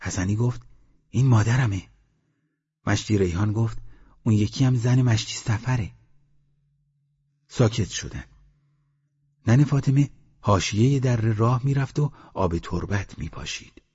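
A man's voice: lowish voice, pauses often, warm tone, husky. A man narrating an audiobook of village stories, raising his voice for the villagers' lines. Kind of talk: storytelling audiobook reading. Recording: dull lo-fi recording.

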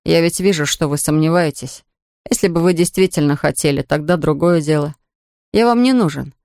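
A reader voicing a bedridden orphan boy in an audiobook, speaking quietly, firmly and gloomily. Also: mid-range voice, moderate pace, vocal fry, dry recording, studio quality, close to an everyday voice. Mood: stubborn sad. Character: sick orphan boy, proud and stubborn. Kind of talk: audiobook character voice.

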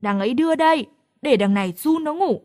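A woman voicing a hot-tempered, clumsy teenage boy in an audiobook story, bossy and shouting. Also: high voice, animated, fairly quick, no echo, clean studio sound. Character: brash clumsy teenage boy, loud and impatient. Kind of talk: audiobook character voice.

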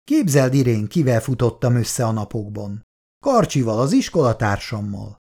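A man's voice: medium pitch, big pitch swings, a little mellow. A reader voicing Bandi, a husband probing his wife with casual questions in a storybook reading.

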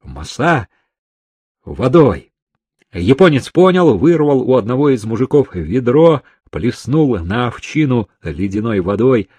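A man reading an adventure novel aloud as an audiobook narrator, dramatic and expressive, voicing the characters' cries with a raised voice. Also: mid-range voice, normal speed, hardly any pauses, husky, no echo.

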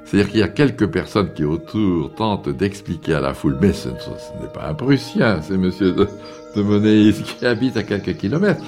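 Male historian guest, lowish voice, patient explanation, faint music under. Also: expressive, normal speed. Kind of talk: explanatory documentary interview.

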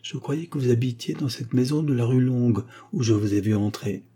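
A courteous young officer speaking earnestly and politely, as a male narrator voices him. The voice is mellow and a little husky. He comes across as a gallant storybook suitor. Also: medium pitch, a little fast, lightly acted.

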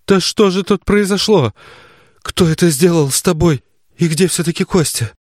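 A man voicing a frantic young woman hunting for her missing son, pleading and close to shouting in an audiobook. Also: mid-range voice, brisk, no echo, voice pushed up, close to an everyday voice. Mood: desperate. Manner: pleading, strained, on the edge of shouting. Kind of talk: audiobook character voice.

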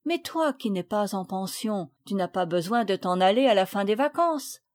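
A woman voicing a gentle, loving young girl in a storybook reading, soothing and imploring. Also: mid-range voice, expressive, moderate pace, natural voice.

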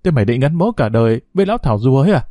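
A man voicing a blunt young village woman who scolds her friend in a quick, reproachful manner. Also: mid-range voice, big pitch swings, no room sound, studio quality, natural voice. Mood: scolding. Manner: sharp, rapid, reproachful.

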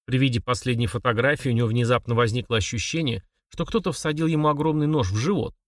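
A man's voice: mid-range voice, fast talker, dry recording, clean studio sound, far from the mic. Man narrating a thriller audiobook. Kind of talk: scripted narration.

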